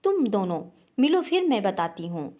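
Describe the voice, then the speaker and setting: A woman's voice: medium pitch, big pitch swings, moderate pace, dark tone, lightly acted. A woman voicing a shy, dreamy young woman who is about to marry.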